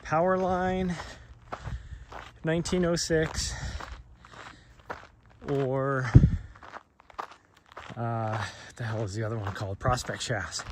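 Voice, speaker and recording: A man's voice: medium pitch, fairly even intonation, slow, long pauses. Chatty man with a scratchy throat, outdoors. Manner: chatty, laughs often, rambling asides. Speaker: trail runner vlogger. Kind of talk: casual rambling chat. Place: outdoors on a trail. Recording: noisy outdoor recording.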